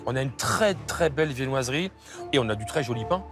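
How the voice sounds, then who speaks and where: Fast-talking man judging bread. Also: medium pitch, expressive, music in the background. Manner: brisk expert appraisal. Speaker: bakery judge. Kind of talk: food tasting commentary. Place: inside a bakery shop.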